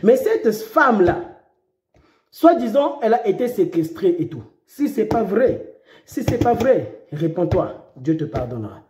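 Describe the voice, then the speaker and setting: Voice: mid-range voice, sing-song, a little slow, a little mellow, roomy sound. A preacher delivering an impassioned sermon, repeating phrases and breaking into dramatic cries.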